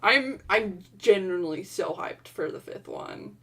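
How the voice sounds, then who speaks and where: A woman's voice: medium pitch, expressive, a little slow, husky. Casual woman stream host, filler-heavy, mid voice. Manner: casual, uses lots of "like", hyped.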